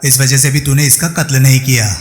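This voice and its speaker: A man voicing a sharp-tongued, angry male gang member with biting delivery. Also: mid-range voice, fairly even intonation, a little fast, close to an everyday voice. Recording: echoey room with long reverb.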